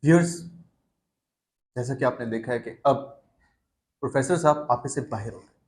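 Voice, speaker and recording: A man hosting a mock interview in a comedy sketch, speaking in a measured, formal way that turns stern when he scolds his guest. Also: mid-range voice, a little mellow. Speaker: host.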